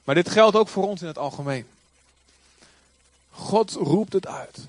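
A male pastor preaching a sermon with passion, rising now and then to loud cries. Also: high-pitched, expressive, a little slow, no room sound.

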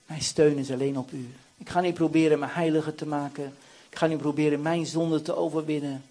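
Brief: a man doing a repentant believer praying, voice dropped low and hushed, pleading and earnest, a notch higher than most men. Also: fairly even intonation, brisk, lightly acted. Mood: humble pleading.

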